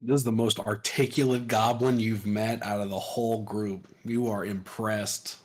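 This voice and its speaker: A man narrating as game master of a tabletop game in a calm, matter-of-fact way. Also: fairly low pitch, normal speed.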